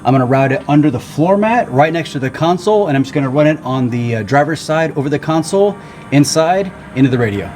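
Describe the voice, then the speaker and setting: Over background music, a vlog host explains a practical task step by step in a relaxed, plain-spoken way. He sounds a little high-pitched and animated, and he talks quickly.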